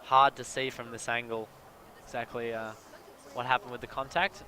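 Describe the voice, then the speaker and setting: A man commentating live on a sports match, calling the plays quickly and getting excited over good catches. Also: mid-range voice. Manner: excitable, quick calls of the play. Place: outdoors at a sports field. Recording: crowd noise at an outdoor field. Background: cheering crowd.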